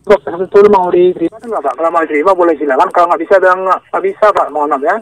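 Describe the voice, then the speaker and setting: A man's voice: high voice, very fast, dry recording, far from the mic. A man on a phone call giving repetitive, insistent instructions and often checking that he is understood. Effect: heard over the phone. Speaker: phone scam caller.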